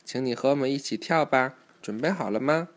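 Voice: mid-range voice, a little fast. Parent storyteller, read-aloud for a young child, instructive and inviting answers. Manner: instructive, asks the listener questions.

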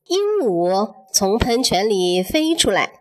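A woman narrating a children's story in an expressive, measured storytelling manner. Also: medium pitch.

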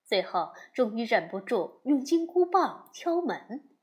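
A woman telling a classic tale as storybook narration, expressive and acting out the characters. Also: on the high side, measured pace.

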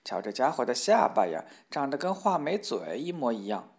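A man voicing a proud, scornful young princess in a storybook reading, raising his voice higher for her. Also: fairly quick, lightly acted. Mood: mocking. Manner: scornful, later plaintive. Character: haughty mocking young princess.

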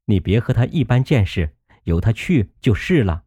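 A man's voice: fairly low pitch, very animated, normal speed, dark tone, breathy edge, no echo. A man voicing a doting young nobleman who speaks eagerly and placatingly in a storybook reading. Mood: eager, earnest.

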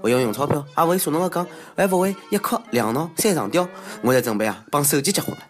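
A man's voice: a little high, animated, fast, over loud music. A man with a Shanghainese accent hosting a comic monologue in a self-mocking, exclamatory way with theatrical asides. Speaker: comedy show host. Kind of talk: comedic monologue on odd news.

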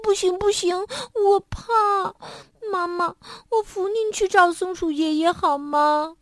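A woman's voice: very high voice, moderate pace, fairly bright tone, no echo, studio quality, voice pushed up. A woman voicing a timid little boy monkey in a storybook, whimpering and tearful. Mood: frightened, tearful.

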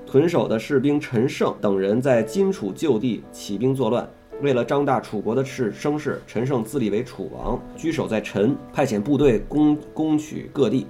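A man with a warm, mellow voice reads an old history text in a steady, unhurried way. He keeps stopping to ask questions and make casual remarks. Soft guitar music plays quietly behind him. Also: medium pitch. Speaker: reader and explainer of a classical history text. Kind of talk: reading a classical text aloud and chatting about it.

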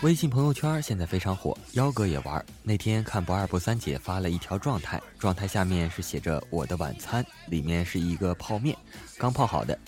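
A man's voice: low-pitched, a little fast. Man telling jokes over faint music. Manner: lively, voicing the characters in his stories. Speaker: joke narrator. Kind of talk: comic storytelling of jokes.

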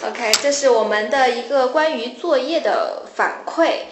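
Playful higher-voiced woman co-host, roomy. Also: unhurried, background noise. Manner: playful, teasing interjections. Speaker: English tutor co-host. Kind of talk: casual radio-style chat.

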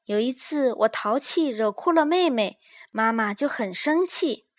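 An eager, chatty little child from a storybook, voice raised a bit, as a woman reader plays the part. It is spoken slowly and recorded dry. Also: fairly high pitch, lively intonation, no echo, pitched above the performer's own voice. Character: chatty young child friend.

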